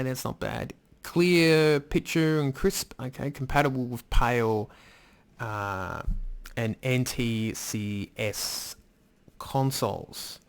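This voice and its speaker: A man with a medium-pitched, slightly mellow voice and some vocal fry hosts a live stream. He rambles casually, swearing now and then as he reads and answers his chat.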